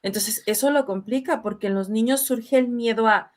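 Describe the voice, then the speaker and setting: A woman's voice: on the high side, moderate pace. Thoughtful woman hosting a talk program. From Mexico. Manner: thoughtful, conversational, reads listener messages. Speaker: talk show host.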